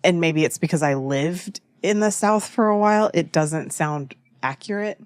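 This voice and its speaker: A woman co-hosting a casual book podcast, plain-spoken and quick to agree. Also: fairly low pitch, dry recording. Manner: many short agreeing replies, plain-spoken. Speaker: podcast co-host. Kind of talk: casual chat about books.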